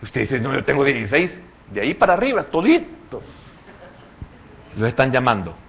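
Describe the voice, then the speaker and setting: A male pastor with a Salvadoran Spanish accent, preaching a sermon that moves between quiet, low reasoning and loud, high fervent passages. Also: very animated, normal speed, gravelly, muffled recording.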